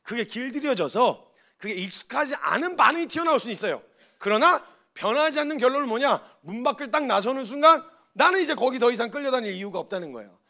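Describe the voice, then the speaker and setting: A man preaches with a high, bright voice that cuts through, his delivery lively and full of little acted-out exchanges. He shifts between teaching and playing the people in his stories. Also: fast. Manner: animated, acts out voices in dialogue. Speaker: missionary preacher. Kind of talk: sermon.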